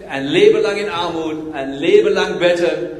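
Brief: male preacher, high voice, emphatic and repetitive, long church reverb. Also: normal speed, a little mellow. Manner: emphatic repetition, addresses listeners directly. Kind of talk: sermon. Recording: echoey hall reverb.

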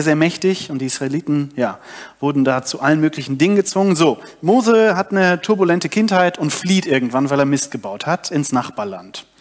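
A young adult man giving a sermon, retelling a story and addressing the congregation directly. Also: on the high side. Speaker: preacher.

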